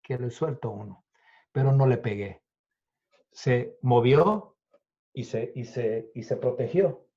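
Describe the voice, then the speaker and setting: A man's voice: mid-range voice, slow, gravelly, pauses often, warm tone, husky. A Mexican man in his fifties telling a story in an interview. He acts out the dialogue and swears freely. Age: 50s. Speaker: guest, illusionist. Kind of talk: animated storytelling in conversation. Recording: dull lo-fi recording.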